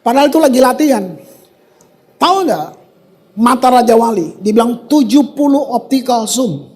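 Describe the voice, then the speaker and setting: A man preaches from a church stage in a lively, animated voice. He moves between relaxed, casual slang and scripture reading, with dramatic pauses and sudden loud outbursts. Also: very high-pitched. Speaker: pastor. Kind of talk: sermon.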